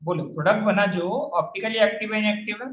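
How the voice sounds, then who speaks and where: In an echoey classroom, a male chemistry teacher lectures by repeatedly firing questions at his students and drilling the answers. He talks fast in a high, somewhat bright voice, and the recording carries a slight hiss or hum.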